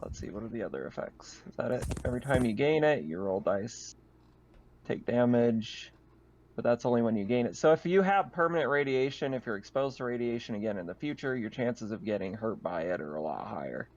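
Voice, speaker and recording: Over slightly noisy, dull online voice-chat audio, a game master walks players through the rules of a tabletop roleplaying game in a relaxed way. He speaks at medium pitch, expressively and a bit quickly, with a slightly mellow tone.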